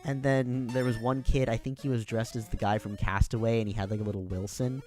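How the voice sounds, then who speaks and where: A man's voice: medium pitch, steady tone, a little fast, dark tone, faint music behind. An American man chatting on his own during a livestream, rambling and self-deprecating with plenty of fillers. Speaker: streamer.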